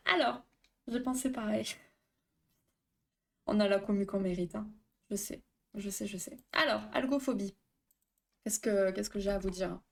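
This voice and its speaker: A therapist on a live stream talks casually with the audience and reads their comments aloud, speaking quickly with frequent stumbles. Her medium-pitched voice is gravelly.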